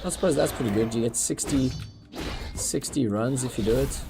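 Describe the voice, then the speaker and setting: Streaming live with game music in the background, this man talks to his chat in a relaxed, casual manner, tossing out bro and dude. His voice is mid-range at a moderate pace.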